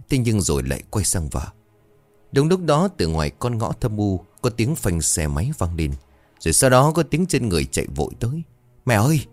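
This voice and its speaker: A very deep male voice narrating a scripted ghost story, swinging widely in pitch as he builds dread. The sound is dry and close-miked, with faint music running underneath. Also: no room sound. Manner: dramatic, expressive storytelling.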